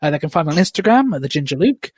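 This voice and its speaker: A man's voice: on the high side, sing-song, very fast, breathy edge, no echo, clean studio sound. A man hosting a podcast in casual chat, rambling and self-deprecating. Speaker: podcast host.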